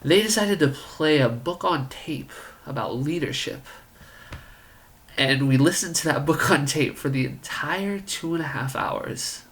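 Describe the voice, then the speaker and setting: A man's voice: fairly high pitch, animated, measured pace, fairly bright tone. A man in his twenties casually telling a story about his own life, rambling and full of "like" and "you know". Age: 20s. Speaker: college student storyteller.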